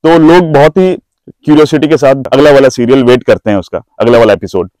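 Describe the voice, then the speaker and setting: Male trainer, instructional talk, slows down to stress words, dry close sound. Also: mid-range voice, darkish tone, dry recording, rough recording. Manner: drawn-out, stressed words when demonstrating emphasis. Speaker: presentation skills trainer.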